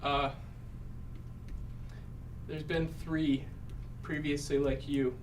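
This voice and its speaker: A man's voice: a little high, level tone, very slow. A man chatting casually in character as a player in a tabletop game. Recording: distant mic with background noise.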